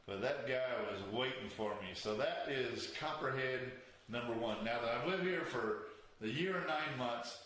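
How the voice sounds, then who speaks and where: A man with a middle-pitched voice tells a rambling story in casual conversation as a show host. His easygoing, joking delivery rings out in a very echoey room over a faint hiss. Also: normal speed, a bit bright. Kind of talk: casual chat.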